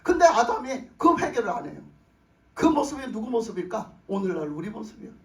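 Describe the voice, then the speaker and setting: Emphatic pastor, sermon, lively pitch, repeats lines, roomy church echo. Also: fairly quick. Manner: emphatic, repeats phrases, asks the congregation questions. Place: church sanctuary with congregation. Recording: roomy echo, voice far from mic.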